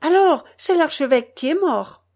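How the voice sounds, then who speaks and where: A woman voicing an old landlady who exclaims in shrill alarm, pitched high and loud. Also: moderate pace. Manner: excited, exclaiming.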